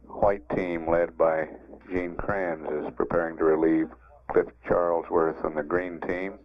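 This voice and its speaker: A man giving measured, matter-of-fact official mission status commentary over a radio feed. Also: low voice. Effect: radio transmission. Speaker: mission control public affairs announcer. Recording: narrow phone-like archival radio feed.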